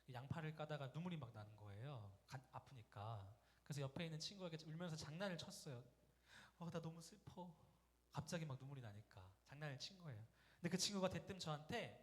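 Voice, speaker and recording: A male guest pastor preaching a storytelling sermon in a church service, speaking conversationally and asking the congregation rhetorical questions. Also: mid-range voice. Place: church sanctuary during a Sunday service. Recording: long hall reverb.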